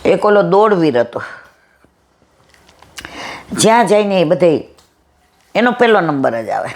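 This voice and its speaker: A mid-pitched speaker delivers a devotional talk built on folk stories. The voice jumps up and down to play the people in each tale. It stretches out each moral in a slow, weighty drawl. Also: big pitch swings.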